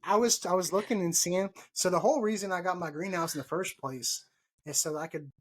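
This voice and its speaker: Speaking a bit fast in a high voice, this podcast host from Texas, in his thirties, chats about gardening on a video call mic from indoors at home. He laughs a lot and tends to repeat himself.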